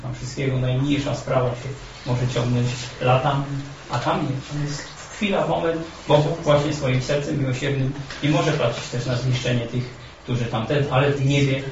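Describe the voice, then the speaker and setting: A man preaching a sermon in a halting way, with many fillers and restarts. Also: mid-range voice, a little hiss or hum. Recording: echoey, dull, from far off.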